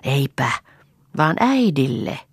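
Woman reader as a gentle, contented old grandfather; low and gravelly. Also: sing-song, dry recording, studio quality, exaggerated voice. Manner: gentle, pleased and patient.

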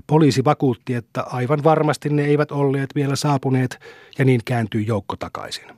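A man narrating a classic novel in a steady, measured storytelling manner. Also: medium pitch, dry recording, clean studio sound. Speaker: audiobook reader.

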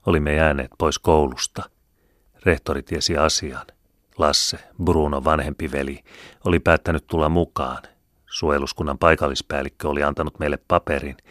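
Very deep-voiced solemn male narrator. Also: fairly bright tone, no echo, studio quality. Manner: measured, solemn, reflective. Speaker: audiobook narrator. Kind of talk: scripted first-person narration.

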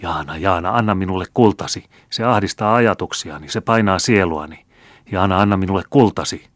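A man's voice: deep voice, fairly bright tone, no echo, clean studio sound. A male narrator voicing a greedy old man who pleads urgently and obsessively for gold. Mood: begging.

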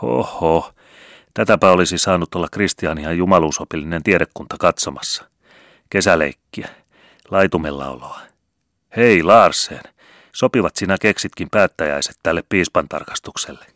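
A man's voice: low voice, fairly bright tone, no room sound, studio quality. A man voicing a jovial older male bishop, out of breath, hearty and bossy in manner. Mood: breathless jovial.

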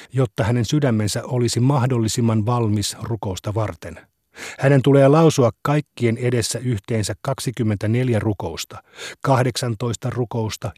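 Male reader, solemn measured recitation of scripture, dry studio sound. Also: mid-range voice, a little mellow, husky, dry recording. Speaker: reader of religious texts. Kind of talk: scripted reading of translated scripture.

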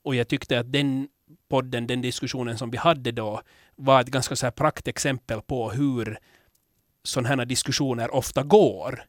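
A man hosting a podcast in casual chat, candid and rambling, with many restarts, growing animated when telling stories. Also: medium pitch, no room sound, studio quality. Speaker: podcast host.

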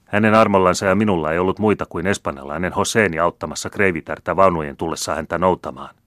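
A man's voice: fairly low pitch, dry recording, clean studio sound, pitched above the performer's own voice, natural voice. A man voicing a nervous, deferential male valet, astonished and servile. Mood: flustered.

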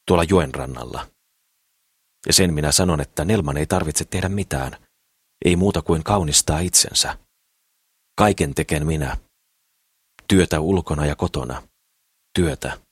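A man voicing a naive crippled dreamer with a hoarse, wheezing voice, eagerly boasting in an audiobook. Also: low voice, no room sound, clean studio sound, voice pushed up, exaggerated voice. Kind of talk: audiobook character reading.

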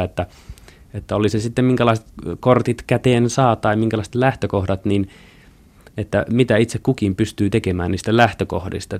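Low, gravelly man talking hesitantly. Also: darkish tone. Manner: colloquial, hesitant, many fillers and restarts. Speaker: author. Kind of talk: casual interview talk.

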